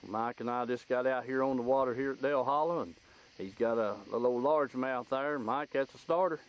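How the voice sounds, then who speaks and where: A man's voice: medium pitch, fairly quick. A man with a Southern US accent hosting a casual fishing show from a boat on a lake, speaking in a folksy way into a camera microphone. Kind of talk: casual outdoor fishing commentary. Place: outdoors in a boat on a lake at night. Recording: noisy outdoor camera recording on a lake.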